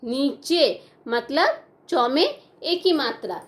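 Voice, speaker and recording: Woman teacher talking slow and high to little kids, spells every word out again and again. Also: big pitch swings. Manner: patient, repeats each word and its letters slowly for young children. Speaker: primary school teacher. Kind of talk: online class lesson, slow dictation of spellings.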